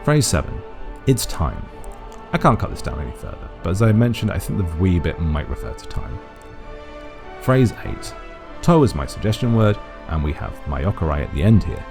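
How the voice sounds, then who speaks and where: Over background music, a man with a low, gravelly voice speaks at a moderate pace in a sing-song way. He narrates a methodical video essay as an analytical voice-over explainer, thinking aloud, reasoning through points and offering cautious, speculative guesses.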